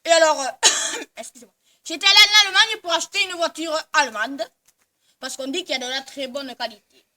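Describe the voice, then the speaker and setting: A woman's voice: high-pitched, a little fast, pushed and bright, far from the mic. A woman playing a muddled, brash traveler in a comedy sketch, rambling on and repeating herself. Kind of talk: amateur comedy sketch acting.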